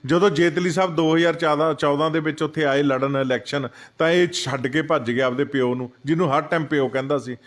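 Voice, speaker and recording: Politician, heated and emphatic, fairly high voice. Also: male voice, fairly even intonation, fairly quick, few pauses. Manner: heated, emphatic, acts out what others say. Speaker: senior party leader, interviewee. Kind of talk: political interview.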